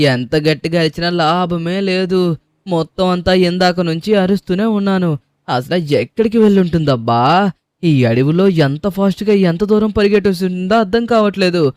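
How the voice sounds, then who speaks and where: Excitable young man narrating a game. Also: fairly high pitch, clear, resonant tone, no echo. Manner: excitable, dramatic shouting and groaning. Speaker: gaming channel host. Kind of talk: game voiceover commentary in character.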